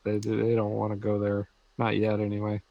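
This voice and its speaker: A man with a gravelly voice weighs in as a podcast co-host. He gives wry, hedged predictions, and his voice sounds close and dry. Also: fairly low pitch, monotone, normal speed, no echo, muffled recording. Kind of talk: casual chat.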